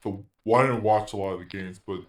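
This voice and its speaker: A man with a fairly low voice chats easily on a podcast, laid-back and prone to laughing. He gets a little defensive when teased. His voice sounds roomy. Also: fairly even intonation, fast talker. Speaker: podcast co-host. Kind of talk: casual chat.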